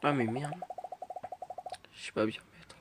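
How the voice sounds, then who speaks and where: A teenage boy gaming YouTuber rambles through casual gameplay commentary with lots of fillers, muttering at the game. His mid-range voice is steady and a little slow, in a noisy home recording.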